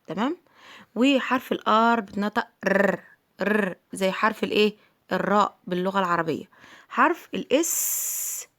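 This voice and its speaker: A woman's voice: a little high, fairly bright tone. A middle-aged woman with an Egyptian Arabic accent teaching English letter sounds to children, patiently repeating each sound and checking in with her pupils. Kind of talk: phonics lesson for children.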